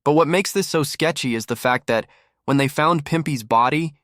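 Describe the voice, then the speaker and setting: A man's voice: on the high side, normal speed, fairly bright tone, no echo, studio quality. A man delivering scripted gossip commentary as a narrator.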